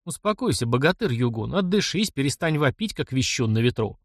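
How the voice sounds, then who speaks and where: A man voicing a calm, sad, tall bearded peasant who speaks low and soothingly. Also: a little fast, no room sound, clean studio sound.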